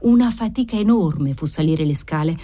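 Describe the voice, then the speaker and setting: A woman with a low-pitched voice reads a classic novel aloud. Her narration is measured and expressive, giving each scene room to breathe. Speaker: audiobook reader.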